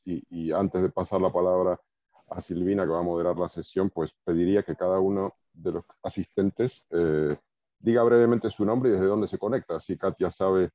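A man hosting a book club video call, calling on each guest by name in a relaxed, welcoming way. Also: low voice, dry recording. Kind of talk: online meeting introductions. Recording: dull dry video-call audio.

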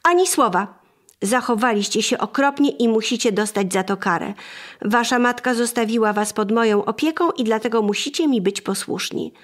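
Woman voicing a calm, firm young teacher. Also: fairly high pitch, normal speed, natural voice. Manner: firm, composed.

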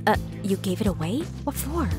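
An actress playing a frustrated wife who grows indignant and pleading. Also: female voice, medium pitch, big pitch swings, moderate pace, over music, lightly acted. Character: wife Olga, frustrated and hurt. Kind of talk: dubbed drama acting.

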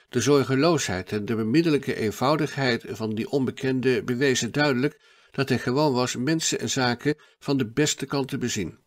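A man narrating a classic adventure novel in a steady, measured audiobook reading. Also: mid-range voice.

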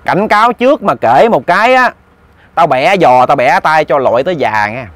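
A man's voice: on the high side, lively intonation, fairly bright tone. A man voicing a menacing female ghost who drags her words together and moans. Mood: threatening. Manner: drawn-out, moaning, slurring words together.

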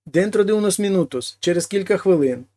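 A man teaching a language lesson: he reads each example phrase, then translates it slowly and explains it. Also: sits high, expressive, dark tone. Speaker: Spanish teacher.

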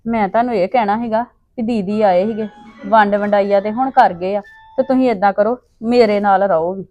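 A woman's voice: mid-range voice, a little fast, no echo, lo-fi sound, soft background music. A woman with a Punjabi accent acting a pleading daughter-in-law in a family drama. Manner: pleading, appeasing.

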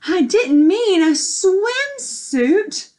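A woman's voice: very high voice, big pitch swings, very slow, a little mellow, pitched above the performer's own voice, heavily acted. A woman voicing a bungling female fairy who chants rhyming spells in a storybook reading. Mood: flustered. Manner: sing-song rhyming spellcasting.

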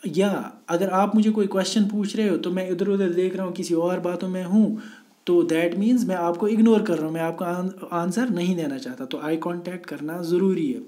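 Man, high and mellow, patient classroom lecturer who keeps checking that students follow. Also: fairly even intonation. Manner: explains slowly, often asking "theek hai?". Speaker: teacher. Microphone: voice only, no camera.

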